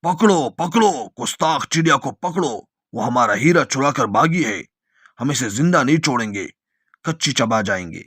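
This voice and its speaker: A man voicing a greedy, hot-tempered king who shouts commands in a storybook tale. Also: medium pitch, expressive, husky, no echo, clean studio sound. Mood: furious. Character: greedy, furious male king barking orders.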